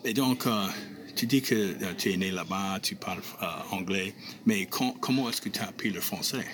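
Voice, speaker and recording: A man's voice: low-pitched, normal speed, fairly bright tone, slight background noise. A man interviewing students on a university campus, talking in a hesitant, conversational way with frequent fillers. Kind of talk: on-the-street interview. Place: university campus, busy common area. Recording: crowd chatter behind.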